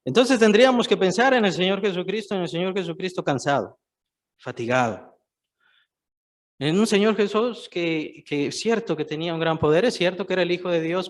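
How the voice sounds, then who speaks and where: A man preaching a sermon, stressing points by repeating phrases and putting questions to the listeners. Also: sits high.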